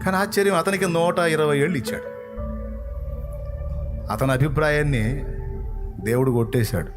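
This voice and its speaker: A man preaching a sermon as a pastor, passionate and forceful, swinging between loud outbursts and low, intense passages, often asking the listener pointed rhetorical questions. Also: moderate pace, music in the background.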